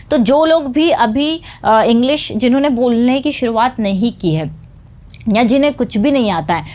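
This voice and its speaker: A woman's voice: fairly high pitch, darkish tone. Patient woman teaching English phrases. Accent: Indian English. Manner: explains patiently, then says example phrases slowly. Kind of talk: spoken English lesson in Hindi.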